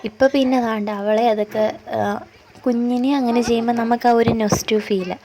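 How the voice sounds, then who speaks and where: A woman's voice: a little high, fairly even intonation, fairly quick, warm tone, slight background noise. A mother narrating a family vlog in a chatty way, explaining step by step and correcting herself as she goes. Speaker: vlogger and mother.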